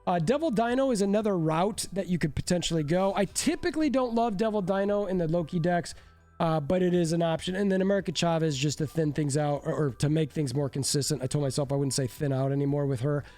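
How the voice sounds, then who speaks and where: A card game content creator, congested from a cold, casually breaks down decks in a slightly self-deprecating way. His stuffy voice is fairly high, quick, and dark-toned, with soft music in the background.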